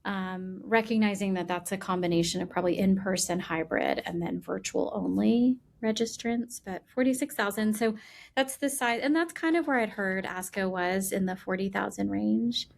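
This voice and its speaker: A middle-aged woman from the United States, co-hosting a medical podcast in a chatty, quick way with joking asides. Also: mid-range voice, creaky, low-quality recording. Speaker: podcast co-host, melanoma doctor. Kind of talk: casual podcast discussion.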